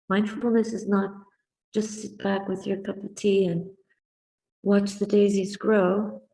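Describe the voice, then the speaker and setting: Very slow, mellow, contemplative woman meditation teacher. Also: medium pitch, vocal fry, distant mic, rough recording. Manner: calm, deliberate, contemplative, with long pauses between short phrases. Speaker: Buddhist nun teaching and guiding meditation. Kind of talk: Dhamma talk and guided meditation.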